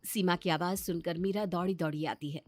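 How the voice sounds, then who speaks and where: A woman narrating a children's story in an expressive, sing-song way. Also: fairly low pitch, fairly quick, no room sound.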